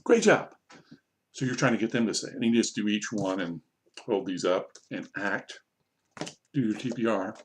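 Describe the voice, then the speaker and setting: A man, an online English teacher, casually explaining how to run a practice lesson in a relaxed, conversational way. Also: lowish voice, moderate pace, slight background noise. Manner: relaxed, conversational, self-correcting.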